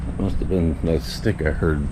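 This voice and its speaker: A man's voice: rumbling low, steady tone, normal speed. A man casually narrating an outdoor vlog in a rambling, plain-spoken way as he looks around a property. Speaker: vlogger. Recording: loud outdoor ambient noise.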